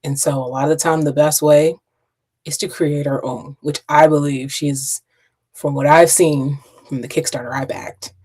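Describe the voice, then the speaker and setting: A woman hosting a casual interview over a video call, animated and chatty. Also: low voice, moderate pace, breathy edge. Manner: animated, chatty, laughs often. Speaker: podcast host.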